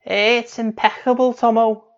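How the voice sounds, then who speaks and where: A man's voice: extremely high pitch, level tone, measured pace, lo-fi sound, pitched above the performer's own voice. A man putting on a mock Scouse accent, playing a smug commentator.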